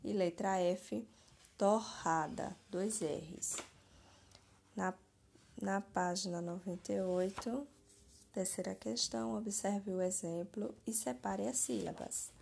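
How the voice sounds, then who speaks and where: A woman teacher reads out answer keys for young pupils, slowly and deliberately, spelling words out. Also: medium pitch, creaky, darkish tone, a little hiss or hum. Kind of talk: slow classroom answer-key reading.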